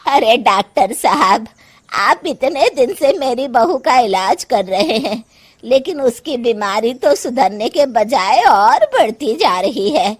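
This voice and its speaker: A woman's voice: a little high, expressive, takes it slowly, slightly rough, heavily acted. A woman voicing a harried older mother-in-law in a cartoon story, speaking in a scolding, exasperated, homely way. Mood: worried. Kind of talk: Hindi cartoon story voice acting.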